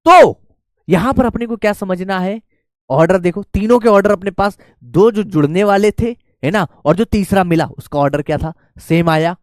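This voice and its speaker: A man's voice: high voice, normal speed, no echo, studio quality. A male maths teacher giving a lesson who coaxes his students and keeps checking that they follow. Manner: coaxing, keeps checking students follow, calls them "beta".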